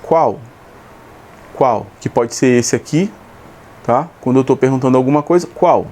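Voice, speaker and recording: A man's voice: mid-range voice, brisk, dark tone. A man with a Brazilian Portuguese accent teaching a video lesson, explaining patiently and often checking that his students follow. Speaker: sign language teacher.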